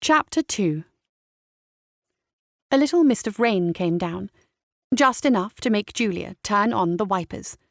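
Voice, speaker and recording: A woman reading a cozy mystery novel aloud in an even, wry narration voice. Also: medium pitch, a little slow, vocal fry, long pauses, dry recording, studio quality. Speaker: audiobook narrator. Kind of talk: scripted narration.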